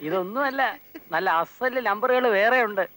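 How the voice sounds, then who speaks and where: An actor playing a scheming man who flatters and wheedles others in a film comedy. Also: sits high, normal speed, crowd noise, close to an everyday voice. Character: fawning, fast-talking scheming man. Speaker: schemer arranging a music teacher. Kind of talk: 1990s film comedy dialogue.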